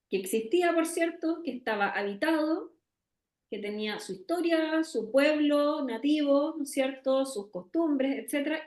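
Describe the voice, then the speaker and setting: A woman's voice: high voice, darkish tone, roomy sound. A Chilean woman with a Chilean Spanish accent, earnestly explaining as an interview guest, often checking with tag questions.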